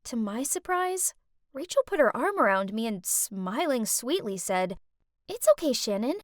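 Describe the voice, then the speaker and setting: A woman tells an animated story in first person, voicing a scheming teenage schoolgirl. Her high voice swings widely and stays expressive throughout. The recording is dry and close to the mic. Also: measured pace, no echo. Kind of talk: scripted first-person narration.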